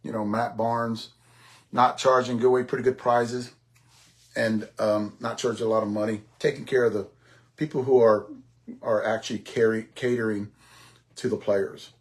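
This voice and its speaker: A man's voice: on the low side, level tone, moderate pace. A man in his sixties hosting a podcast in a rambling, casual monologue, often repeating himself and swearing offhandedly. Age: 60s. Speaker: podcast host.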